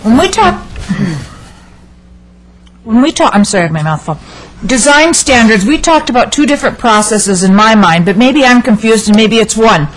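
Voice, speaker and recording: A woman's voice: a little high, animated, brisk, rough recording. A woman commissioner asking for clarification during a city meeting. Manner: questioning, seeking clarification. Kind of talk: public meeting discussion.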